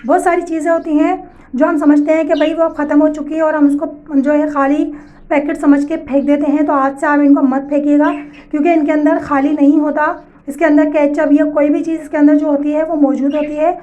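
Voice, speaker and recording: A woman's voice: sits high, flat delivery, brisk, warm tone, muffled recording. A woman giving step-by-step household tips at home. She speaks straight to her viewers, patiently repeating each step.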